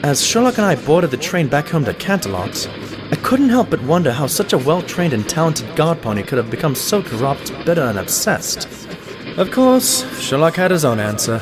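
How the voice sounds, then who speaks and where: A man's voice: on the high side, very animated, normal speed, over music. A man playing a loyal, earnest stallion doctor who narrates and banters as the detective's companion in an audio drama. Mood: reflective narration. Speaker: narrator and sidekick.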